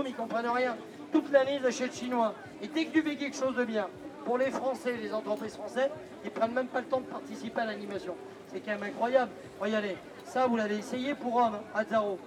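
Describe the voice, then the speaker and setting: A man hawking at a street fair with loud barker's patter, insistent, repetitive and teasing toward his listeners. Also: very high-pitched, steady tone, quick pace. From France. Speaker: street-fair perfume pitchman. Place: outdoors at a busy street fair. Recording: outdoor street fair with crowd noise.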